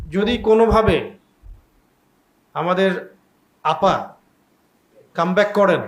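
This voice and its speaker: A male preacher delivers a religious lecture in a voice pitched high for a man. He talks emphatically and rhetorically, piling up repeated phrases and reciting Arabic verses. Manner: emphatic, rhetorical, repeats points in long lists. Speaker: Islamic preacher.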